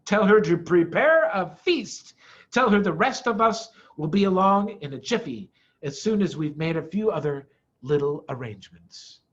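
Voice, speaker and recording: Man as proud fatherly storybook fox, theatrical, emphatic, wildly swooping pitch, muffled recording. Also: expressive, moderate pace. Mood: brisk, commanding. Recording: dull, muffled lo-fi audio.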